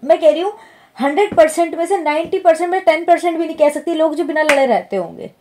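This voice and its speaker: Woman, casual argument, blunt, insistent, high-pitched, mellow tone. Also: animated, fast talker, slight background noise. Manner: blunt, insistent, demands straight talk. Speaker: wife in a prank video.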